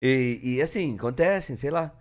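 A man's voice: mid-range voice, unhurried. A young man telling a story in casual chat, acting out quotes and laughing often. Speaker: podcast cast member.

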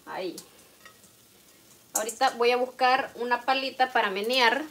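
Salvadoran woman, high voice, chatty home cook, pot clatter behind. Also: moderate pace, heavy background noise. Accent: Salvadoran Spanish. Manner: homely, talkative, addresses viewers warmly as "usted". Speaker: cooking vlogger. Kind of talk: chatty live cooking stream. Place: home kitchen. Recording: clatter of pots and utensils.

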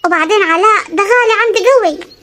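Sly Upper Egyptian village neighbor for a cartoon , voiced by an actor, coy, high and very quick. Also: female voice, noisy background. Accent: Upper Egyptian Arabic. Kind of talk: animated comedy voice acting.

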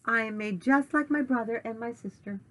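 A woman's voice: fairly high pitch, fairly quick, fairly bright tone, soft background music, voice pushed up. A woman voicing a little baby boy rattlesnake from a storybook, who complains plaintively. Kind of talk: storybook reading.

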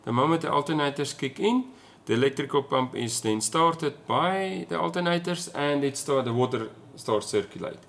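A man's voice: a little high, lively intonation, normal speed, creaky, few pauses, a bit bright. A man in his forties from South Africa with an Afrikaans accent, explaining things casually as a vlogger talking to camera indoors. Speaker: sailing vlogger. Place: small room at home, indoors.

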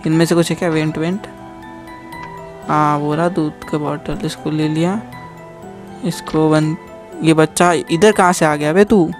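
A man's voice: a little high, fairly even intonation, unhurried, long pauses, faint music behind. Joking young man playing a horror game. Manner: joking, mocking the game, talking to viewers. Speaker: gaming youtuber. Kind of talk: live horror game commentary.

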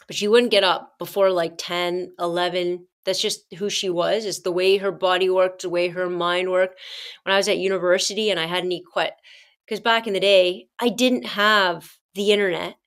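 Middle-aged woman, chatty storytelling, talks to listeners, casual podcast host, mid pitch. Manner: chatty, addresses listeners as "guys", many fillers and asides.

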